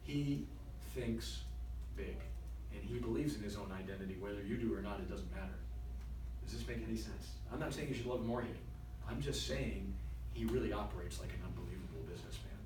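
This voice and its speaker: A man's voice: lowish voice, a little fast. A middle-aged man who is a business coach giving an emphatic, blunt seminar talk and often checking in with "right?" and "okay?". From Queens, New York. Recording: roomy distant mic with background noise.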